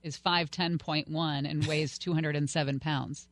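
A woman's voice: deep voice, steady tone, measured pace, no echo. A woman co-hosting a talk radio show in a casual, conversational way. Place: radio studio.

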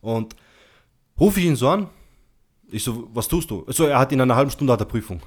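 Relaxed and slangy, this podcast host fills every phrase with filler and calls his listener bro in casual chat. His ordinary mid-pitched voice moves fairly quickly, and in stories he acts out everyone's lines.

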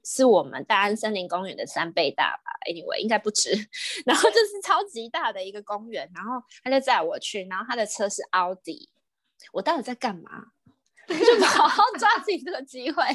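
A young woman from Taiwan with a Taiwanese Mandarin accent, co-hosting a podcast and telling a story in a casual, animated way, laughing often and dropping in English words. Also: fairly high pitch, no room sound, studio quality. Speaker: podcast co-host.

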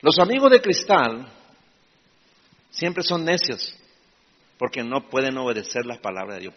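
A male pastor preaching a sermon. He swings from loud, emphatic bursts to low, confiding asides and often checks that his listeners follow. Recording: dull lo-fi audio with long hall reverb.

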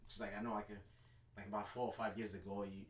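A man's voice: fairly low pitch, little pitch movement, fast. A man hosting a podcast, talking in a casual, upbeat and rambling way, full of fillers and restarts. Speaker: podcast host. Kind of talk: casual interview chat. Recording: roomy, distant mic.

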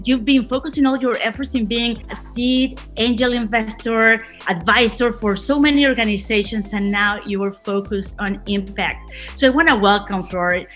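A woman's voice: on the high side, fairly bright tone. Upbeat woman hosting a podcast. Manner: enthusiastic, scripted-sounding introductions. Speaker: podcast host.

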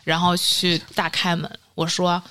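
A young woman, a podcast guest, telling a story in lively casual chat and acting out what people said. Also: fairly low pitch, a little slow. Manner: animated storytelling, acting out quotes.

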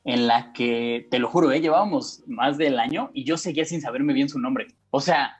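A young man with a Mexican Spanish accent co-hosts a casual podcast, rambling through self-deprecating stories full of slang. His voice is husky, medium in pitch, and moves at a moderate pace.

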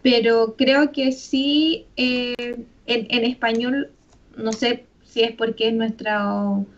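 Chilean woman, slightly high voice, easygoing co-host, dull lo-fi audio. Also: steady tone, takes it slowly. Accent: Chilean Spanish. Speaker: podcast co-host. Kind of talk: casual film review chat.

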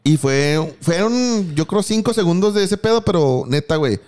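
A man's voice: high voice, lively intonation, normal speed, a little mellow. A young man with a Mexican accent, telling a crude, slang-filled story in casual chat. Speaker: podcast co-host.

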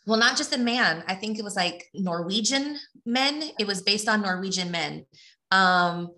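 Casting: middle-aged woman, bright clear voice, chatty and plain-spoken co-host. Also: mid-range voice, lively intonation, moderate pace. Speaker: podcast co-host. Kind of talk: casual chat, reading aloud.

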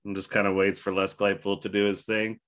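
Lower-pitched man with a bright voice, hiccuping. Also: completely flat delivery, fairly quick. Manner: rambling, loose, jokey. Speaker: podcast host. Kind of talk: casual chat.

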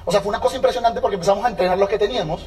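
A man with a high voice addresses a seminar crowd, energetic and motivational, slipping into quick acted-out exchanges. He sounds a bit away from the mic. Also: recorded from a distance. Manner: energetic, acts out dialogues with changing voices. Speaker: seminar speaker.

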